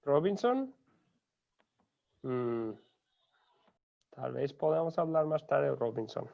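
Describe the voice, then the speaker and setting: A man, a pastor, calmly and courteously greeting each student by name in an online class over a video call. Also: fairly high pitch, slow, vocal fry. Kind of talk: unhurried roll call of students. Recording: dull lo-fi video call audio.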